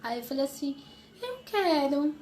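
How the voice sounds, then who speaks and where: A Brazilian woman in her thirties telling an emotional personal testimony as an interview guest, lively and acting out what people said. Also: sits high, moderate pace, slight background noise. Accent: Brazilian Portuguese. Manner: lively, acts out quoted voices, laughs often.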